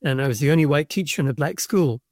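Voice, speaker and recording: Guest, middle-aged man, South African accent, slightly high, deliberate, dry close mic. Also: a little mellow, no room sound. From Kenya and South Africa. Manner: measured, thoughtful storytelling with pauses. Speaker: guest, book publisher's representative. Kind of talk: conversational podcast interview.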